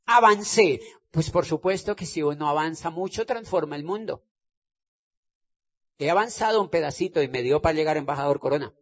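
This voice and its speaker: A man's voice: fairly high pitch, animated, a little fast. A man giving an emphatic motivational stage talk, repeating phrases and checking that listeners understand. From Colombia. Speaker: motivational speaker. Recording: dull lo-fi sound.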